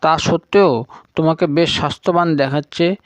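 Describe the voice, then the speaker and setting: A man's voice: fairly high pitch, steady tone, a little fast, no echo, lightly acted. A man voicing a stern old male teacher who is strict but caring, speaking in a firm, commanding way. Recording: dull lo-fi recording.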